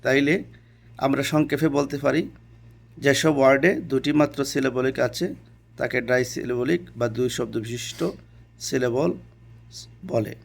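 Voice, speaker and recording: A man teaches an English lesson in an even, mid-pitched voice. He goes over each term more than once and poses questions only to answer them himself. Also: moderate pace, gravelly, pauses often. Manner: repeats key terms and asks then answers his own questions. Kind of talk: classroom lesson explaining to students.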